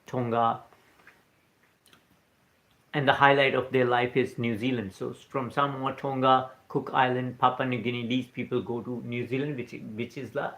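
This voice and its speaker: A man's voice: medium pitch, fairly bright tone. A man with an Indian accent speaks on a casual livestream, in English that is not his first language. He rambles from point to point, often checking in with "right?" and replying to viewers' comments as they come in. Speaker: livestream host. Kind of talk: casual spiritual talk on a livestream. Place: live stream recorded in New Zealand.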